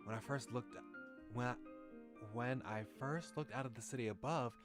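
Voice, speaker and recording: Brief: man voicing gentle, earnest teen boy in a game; lifted, wistful voice. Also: medium pitch, normal speed, music in the background, voice pushed up, lightly acted. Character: cheerful, gentle teenage boy.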